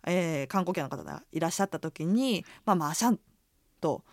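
A woman's voice: on the low side, brisk, dry recording, studio quality. A woman who runs an inn, co-hosting a radio language lesson in a chatty way. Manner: lively, chatty, sprinkles fillers. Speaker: inn proprietress and co-host. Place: radio studio.

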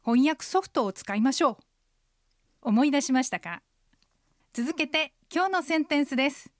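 Woman teaching a language on the radio, voice a bit on the high side, explains stuff clearly and slowly, super dry studio sound. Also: expressive, dry recording. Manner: clear explanatory teaching, slow model pronunciation.

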